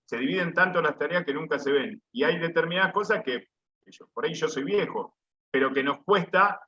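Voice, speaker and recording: A man's voice: fairly high pitch, brisk, sharp tone. A man who teaches audiovisual production, reflecting hesitantly on group work in an online seminar. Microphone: video call. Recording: muffled video call audio.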